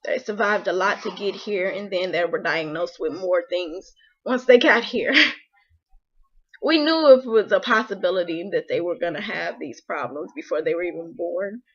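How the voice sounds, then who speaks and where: Emotional young mom vlogging, lo-fi sound. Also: female voice, on the low side, normal speed. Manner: emotional, heartfelt, frequent "like" fillers. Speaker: vlogger, mother. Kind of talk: casual personal talk to camera.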